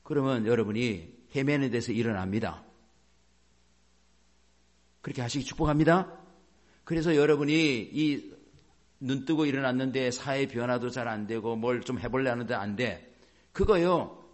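A man's voice: medium pitch, normal speed, pauses often. A male pastor preaching a sermon, acting out inner self-talk as he goes.

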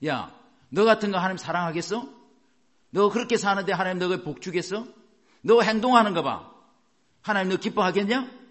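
A man's voice: high-pitched, lively intonation, fairly quick, pauses often, a bit bright, pitched above the performer's own voice. A man voicing an accusing, scornful male devil who jabs with mocking questions. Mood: taunting. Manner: sneering rhetorical jabs.

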